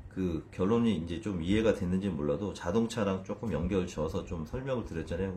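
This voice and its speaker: Male fitness trainer, 30s, animated swinging delivery, casual and self-deprecating, frequent restarts. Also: on the low side, a little hiss or hum. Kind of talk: casual explainer video.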